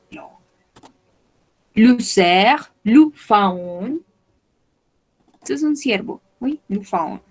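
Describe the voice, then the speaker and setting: A woman gives a French vocabulary lesson. She speaks very slowly, spelling out each word and repeating it for the class. Her voice sits at an ordinary middle pitch. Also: darkish tone. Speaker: French teacher.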